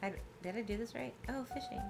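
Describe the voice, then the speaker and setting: A woman's voice: on the high side, fast, gravelly, loud music behind the voice. A woman co-hosting a let's play, chatting and playfully teasing. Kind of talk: casual gaming chat.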